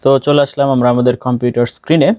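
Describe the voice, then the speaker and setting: A man with a Bangladeshi accent, medium-pitched and dark in tone with fairly even intonation, teaches English speaking without any echo on the recording. Working step by step, he repeats important words for emphasis and reads practice sentences very slowly and deliberately.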